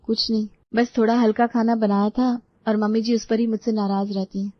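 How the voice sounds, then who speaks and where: A woman voicing a calm, modern young daughter-in-law who speaks politely but firmly in a cartoon story. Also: on the high side, brisk, no echo, lightly acted. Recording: dull lo-fi dry recording.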